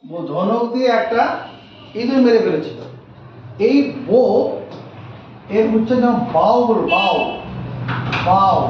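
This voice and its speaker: A man teaching a lesson, spelling words out letter by letter and repeating them slowly. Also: high voice, background noise. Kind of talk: slow spoken lesson. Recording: echoey room, distant, dull lo-fi mic.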